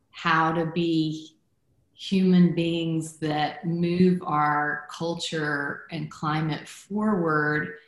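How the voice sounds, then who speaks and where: A woman from Guatemala, a guest speaking reflectively in an interview. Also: low-pitched. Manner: reflective, measured, with fillers. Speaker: guest, former executive director. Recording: echoey room.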